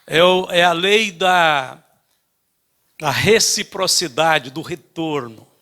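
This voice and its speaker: An older man preaching a sermon, telling a story in an emphatic way with many halting restarts. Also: fairly high pitch, bright, forceful tone. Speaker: pastor.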